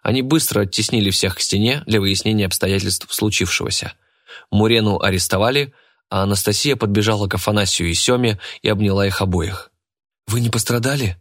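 A man narrating an adventure audiobook in a steady, expressive reading. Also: lowish voice, brisk, dry recording, clean studio sound.

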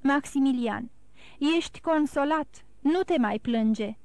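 A woman reading an audiobook, voicing a grave, wise older count who speaks slowly and solemnly. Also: high-pitched, mellow, no echo. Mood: solemn counsel. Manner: slow, solemn, counseling.

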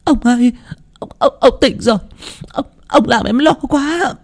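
A wailing, sobbing old village wife. The voice is pushed high and shrill, breaking into cries in a spoken horror story. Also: male voice, unhurried, heavily acted.

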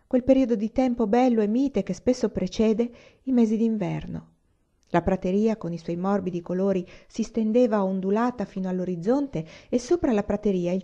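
Lettrice dalla voce morbida, narrazione calma di audiolibro. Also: female voice, mid-range voice. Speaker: reader. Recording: slightly dull lo-fi recording.

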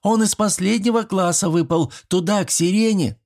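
A man reading an audiobook, voicing an excited teenage schoolgirl who calls out urgently. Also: high voice, normal speed, voice pushed up. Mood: alarmed.

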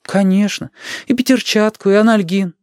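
A man doing a brisk, caring mother. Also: sits high, steady tone, clear, resonant tone, dry recording, studio quality, pitched above the performer's own voice, lightly acted. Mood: bustling. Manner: bustling, affectionate. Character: tired caring middle-aged mother, brisk.

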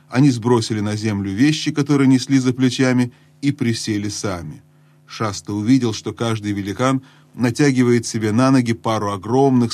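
A man reading a children's fantasy audiobook aloud in a measured storytelling voice that drops low and hushed in tense moments. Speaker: audiobook narrator. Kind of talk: scripted storybook narration.

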